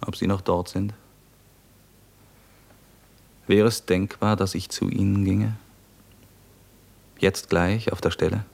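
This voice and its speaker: A medium-pitched male actor portrays a stern, menacing revolutionary military commander in a German radio play from the 1950s. He interrogates in a measured, sardonic way.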